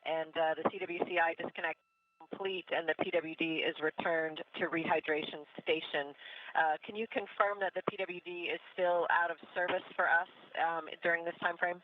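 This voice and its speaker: A woman's voice: fairly low pitch, steady tone, moderate pace. A woman speaking as a space station crew member in terse procedure talk, heard over a crackly radio transmission. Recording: tinny radio link.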